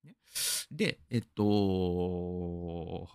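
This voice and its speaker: A man's voice: sits low, lively intonation, very slow, gravelly, warm tone, clear, resonant tone, no echo, studio quality. A man from Aichi in Japan hosting a radio show, rambling through a casual monologue full of fillers and asides.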